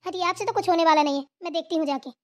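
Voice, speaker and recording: A woman voicing a gentle young wife who consoles and rambles about her complaints, in a cartoon. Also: very high-pitched, racing, voice pushed down. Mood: consoling. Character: gentle young wife, bhabhi, soothing and chatty. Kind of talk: cartoon voice acting.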